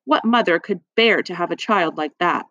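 A woman's voice: lowish voice, moderate pace, a bit bright, no room sound, close to an everyday voice. A woman voicing a cruel, spiteful hospital matron with a cold, scornful manner. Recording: dry, slightly muffled.

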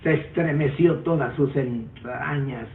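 A man preaching a sermon with emotional swings from loud emphatic peaks to low quiet passages. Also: slow, vocal fry. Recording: echoey phone-like recording from far off.

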